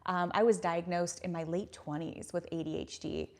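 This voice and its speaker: A woman's voice: fairly low pitch, steady tone, moderate pace, darkish tone. A woman in her thirties hosting a casual livestream, reading viewer comments and talking in an earnest, rambling way with lots of fillers. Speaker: YouTube livestream host.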